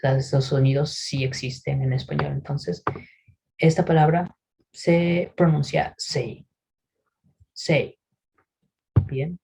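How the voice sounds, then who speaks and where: Slow, gravelly male English teacher. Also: a little high, flat delivery, noisy background. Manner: patient, checks in often with a questioning "¿sí?"; models English words slowly for repetition. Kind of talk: recorded online pronunciation lesson.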